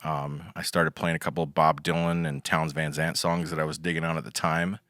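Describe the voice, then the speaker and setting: A man in his thirties talks as a podcast guest. His voice is very low and his tone relaxed and wryly understated, with easy fillers. The recording is close and dry. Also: fairly quick, no room sound. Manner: relaxed storyteller, with wry understatement and lots of fillers. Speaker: guest musician. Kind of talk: casual podcast interview.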